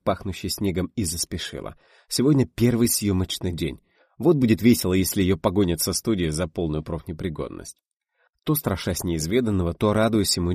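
A man's voice: low-pitched, a little mellow, breathy edge, no echo, studio quality. A man narrating an audiobook, reading expressively and voicing the characters.

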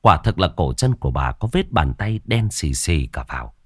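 Man, ghost-story narrator, dramatic, lively intonation, dry recording. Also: sits low, normal speed, breathy edge, no echo.

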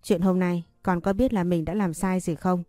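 A woman reading a story voicing a cold, stern young husband who asks sharp questions. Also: lowish voice, steady tone, moderate pace, dry recording, studio quality, natural voice.

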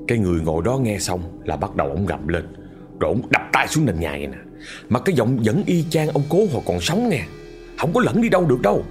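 A man's voice: fairly low pitch, big pitch swings, fast, soft background music. A man telling a ghost story in a vivid, conversational way, often repeating words for effect.

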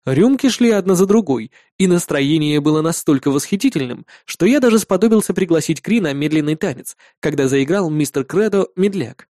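A man reads an audiobook with wry, lively storytelling. His fairly high voice rises and falls a great deal yet stays mellow and dark. The recording is close and dry. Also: a little fast, hardly any pauses, dry recording. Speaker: narrator. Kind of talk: audiobook narration.

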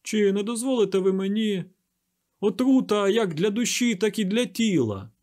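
A man reading an audiobook, voicing a desperate, fervent young male outsider who shouts and pleads. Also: high-pitched, big pitch swings, brisk, voice pushed up. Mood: impassioned shouting. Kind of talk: audiobook character voice.

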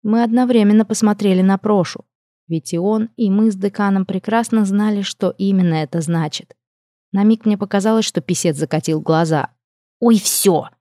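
Mellow woman reading a story aloud. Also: medium pitch, steady tone, fairly quick, no echo, studio quality. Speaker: narrator. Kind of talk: first-person audiobook narration.

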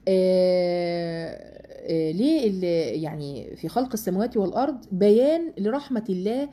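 Her lowish voice is warm, with lively intonation, as this Egyptian-accented woman teaches women the Quran in a casual, chatty lesson. She asks plenty of rhetorical questions and slows down when reciting verses.

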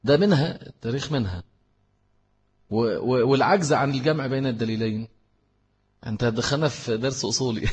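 A man's voice: medium pitch, a little mellow, slightly rough, in a large hall. A man with an Egyptian accent teaching a religious lesson, explaining step by step and repeating key phrases. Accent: Egyptian Arabic. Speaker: Islamic teacher. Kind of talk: religious lesson with answers to questions.

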